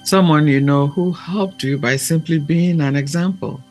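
A man speaking in a gentle, measured and deliberate way, with long pauses, as he hosts a reflective talk and guided meditation. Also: fairly high pitch, soft background music. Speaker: podcast host and meditation guide.

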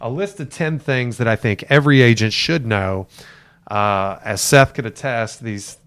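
A man's voice: mid-range voice, a little slow, fairly bright tone, slight background noise. Middle-aged man coaching new agents live. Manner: conversational, emphatic, repeats key points. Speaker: real estate team leader and mentor. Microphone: camera for a livestream.

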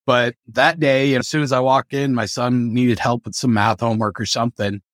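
A man tells stories about his parrot in a casual conversation with friends. He gets animated and voices the lines he quotes. The sound is dry and close, with no room echo. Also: medium pitch, moderate pace. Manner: animated storyteller, acts out quotes. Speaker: parrot owner. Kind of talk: casual group chat.

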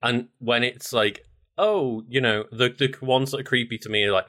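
A man co-hosting a podcast in casual chat, rambling with many filler words and relaxed swearing. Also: mid-range voice, normal speed. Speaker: podcast co-host.

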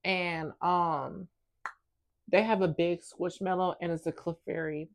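A woman co-hosting a podcast, chatting casually, blunt and sassy and quick to laugh. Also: on the low side, steady tone, no echo, studio quality. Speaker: podcast co-host. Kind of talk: casual chat. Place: indoor room with a dog.

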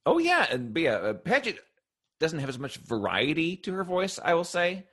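A man's voice: a little high, wildly swooping pitch, normal speed, fairly bright tone, slightly rough. A man in his thirties co-hosting a casual podcast about a cartoon, talking loosely with lots of "like" and fillers. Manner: loose, filler-heavy talk with frequent "like". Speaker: podcast co-host.

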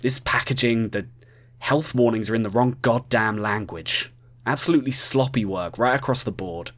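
A man's voice: medium pitch, moderate pace, fairly bright tone, lightly acted. A man voicing a harsh, impatient security chief who talks in curt threats. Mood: threatening.

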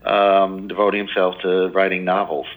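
A man's voice: sits low, flat delivery, moderate pace, narrow, tinny audio. A man in his sixties, a biographer answering interview questions in a loose, rambling way full of "you know" and restarts. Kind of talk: casual interview talk.

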